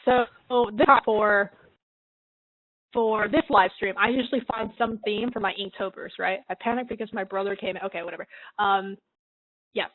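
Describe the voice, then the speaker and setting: A woman's voice: mid-range voice, no echo. A woman hosting a drawing livestream, chatting casually and laughing often as she works. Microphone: computer mic she adjusts. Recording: narrow phone-like sound.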